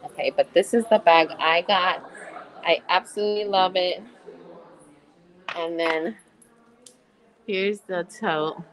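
A woman in her fifties hosting a chatty live shopping stream from inside a store, gushing and excitable, laughing often and greeting viewers by name. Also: on the low side, slow pace, pauses often, low-quality recording. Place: indoor retail shop.

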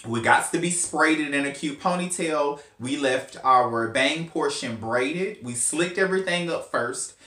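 A man's voice: on the high side, a little slow, hardly any pauses, bright, forceful tone. A man, chatting casually as a hair stylist vlogger, rambling with playful asides. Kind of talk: casual hair tutorial chat. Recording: roomy with faint hum.

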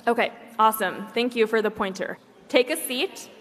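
A woman in her thirties chairing a large convention from a podium microphone, brisk and directive. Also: on the high side. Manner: brisk, directive, quick to answer. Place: large hotel convention hall. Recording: echoey large hall.

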